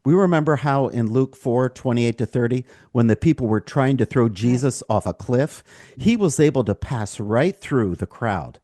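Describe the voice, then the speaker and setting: Guy reading bible verses on a podcast, warm low tone, goes up and down a lot, dry sound. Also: expressive, normal speed, no echo. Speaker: podcast co-host, scripture reader.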